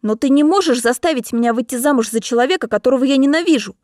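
A woman's voice: sits high, fast talker, darkish tone, dry recording, clean studio sound, natural voice. Woman voicing a defiant young daughter. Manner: trembling, indignant outbursts. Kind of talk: audiobook character reading.

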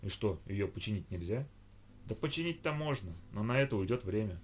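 A man doing a gruff, curt captain. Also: on the low side, animated, a little fast, a little hiss or hum, close to an everyday voice. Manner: curt, grumbling. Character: gruff middle-aged ship captain, curt.

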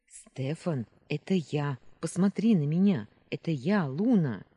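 A woman narrator voicing a caring, determined young woman who urgently pleads and gives calming commands in a storybook reading. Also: sits low, unhurried, slightly rough, no echo, heavily acted.

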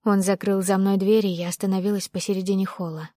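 A woman narrating a novel in first person with a steady, expressive reading. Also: medium pitch, quick pace, no echo, studio quality. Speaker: audiobook narrator.

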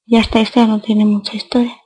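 A woman's voice: on the high side, level tone, fast, warm tone, slightly rough, poor audio. A woman with an accent from Spain, hosting a podcast and telling a rambling comic anecdote in crude, slangy, self-mocking words. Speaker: podcast host.

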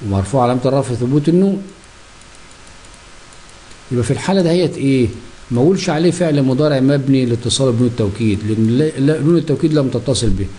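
A man's voice: medium pitch, mellow, a little hiss or hum. A man with an Egyptian Arabic accent teaching a grammar lesson, who keeps asking himself questions and answering them.

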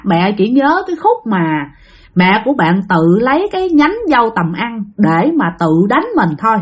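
A woman's voice: mid-range voice, husky. A woman telling a ghost story in a chatty, casual way, speaking directly to her listeners.

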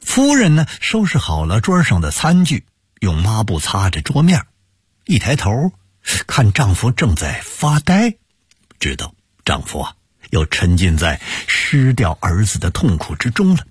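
A man narrating a story for radio in an expressive storytelling manner. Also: lowish voice, measured pace, slightly rough, dry recording, studio quality.

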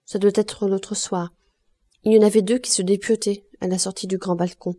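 A woman putting on a worn-out young laundress with a bitter, reckless streak. She tells her tales brashly and cynically, in a warm, mellow tone. It is the reader's own voice, barely changed. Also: medium pitch, level tone, normal speed, lightly acted. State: hoarse cough.

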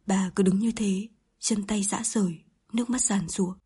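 A woman reading a novel aloud as an audiobook narrator, in calm scripted narration. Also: mid-range voice, normal speed, breathy edge.

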